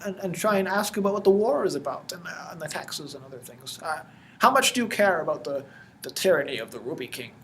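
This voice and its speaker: A chirpy, eager villager with a raised voice, as a man puts him on for a tabletop game. He chatters in a loud, bright, lifted tone, well above the man's own voice. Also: on the high side, expressive, fast, a little hiss or hum, voice pushed up. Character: chirpy male villager stirring up a revolt.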